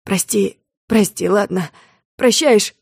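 A woman voicing a desperate, drunk young man who makes a hushed, broken confession in an audiobook story. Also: medium pitch, slow, slightly rough, no room sound, clean studio sound. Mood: pleading.

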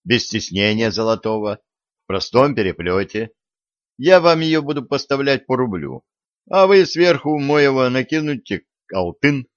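A man voicing an eager young man who pitches his plans in a brisk, raised voice. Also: animated, dry recording, close to an everyday voice. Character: eager young man, bold schemer, upbeat. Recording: dry, dull lo-fi audio.

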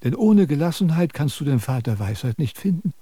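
Give me a pompous, preachy sage in a radio drama, mellow and dry. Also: male voice, fairly high pitch, big pitch swings, fairly quick, husky, dry recording. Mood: lecturing. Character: self-important male sage, lecturing, fussy.

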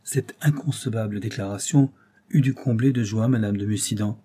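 Guy reading a classic novel aloud, dramatic, mellow raspy voice. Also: fairly low pitch, normal speed. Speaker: audiobook narrator. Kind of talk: scripted literary narration.

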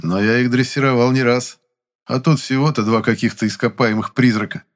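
A man narrating a first-person audiobook in an even, dry storytelling manner. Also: mid-range voice, fairly quick.

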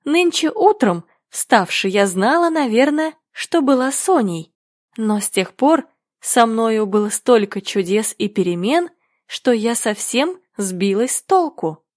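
A woman's voice: on the high side, expressive, unhurried, no echo, studio quality. A woman playing a flustered polite little girl.

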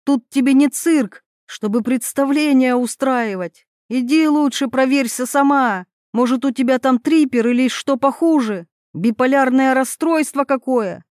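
A tough young woman snaps back with blunt, hoarse threats, as a woman narrator puts her on. Her voice sits high, and the audiobook recording is dry and close. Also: measured pace, no room sound, natural voice. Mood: fierce angry.

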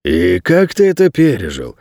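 A man voicing a lean, gloomy male shepherd dog who talks in a brooding, hushed way. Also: deep voice, wildly swooping pitch, normal speed, no echo, studio quality. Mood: mocking.

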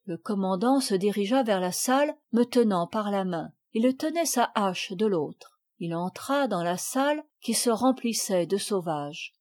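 A woman narrating a children's novel as an audiobook reader, in a measured, expressive way. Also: medium pitch.

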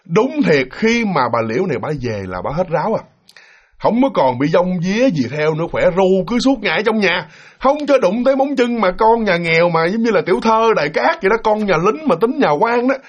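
Fast, lively male storyteller. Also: sits high. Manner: animated, acts out quoted voices with shouting. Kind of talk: casual spoken ghost story narration. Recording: dull lo-fi recording.

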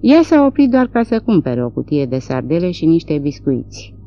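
A woman's voice: deep voice, big pitch swings, faint music behind. A woman reading the part of a chatty rural man who passes on gossip, from a dull lo-fi recording. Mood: gossipy.

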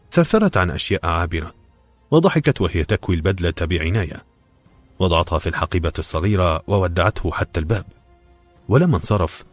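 A man with a very low voice reads a novel aloud in measured, scripted storybook narration. The recording is dry and close, and faint music plays underneath. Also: no echo. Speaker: audiobook narrator.

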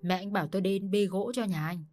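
A woman voicing a calm, defiant young daughter-in-law who answers curtly, in a storybook reading. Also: medium pitch, fast, faint music behind, close to an everyday voice. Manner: cool and curt.

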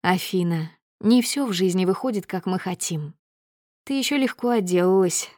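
A gentle, consoling middle-aged mother from an audiobook, voiced by a woman narrator. She speaks a little lower and more hushed than the narrator, in a dry, close recording. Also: expressive, normal speed, dry recording, natural voice.

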